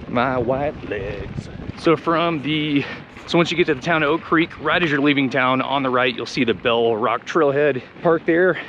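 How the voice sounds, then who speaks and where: A man casually narrating his road trip to viewers in a relaxed, chatty way, talking into a handheld camera. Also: mid-range voice, dull audio. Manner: laid-back, chatty, talks to viewers as "guys". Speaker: travel vlogger. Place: outdoors and in vehicles on a road trip. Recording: outdoor recording with traffic noise.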